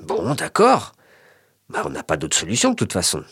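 A man voicing a gruff, skeptical old grandfather in a read-aloud story. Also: low-pitched, wildly swooping pitch, moderate pace, a bit bright, dry recording, studio quality, exaggerated voice. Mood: doubtful. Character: grumbling old grandfather, doubtful of new things.

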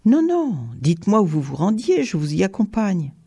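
A reader voicing a jovial, scheming male count who talks cheerfully and coaxes smoothly in an audiobook story. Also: mid-range voice, big pitch swings, normal speed, mellow, heavily acted. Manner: cheerful, coaxing, smooth-talking. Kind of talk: audiobook reading.

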